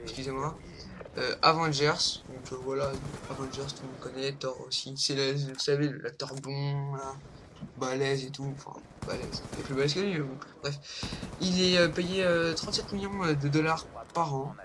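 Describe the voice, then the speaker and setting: Background noise runs under this vlogger's medium-pitched voice as he talks at normal speed with fairly even intonation. He's a young man hosting a casual countdown, hesitant and full of fillers and wandering asides, recorded on a low-quality home mic.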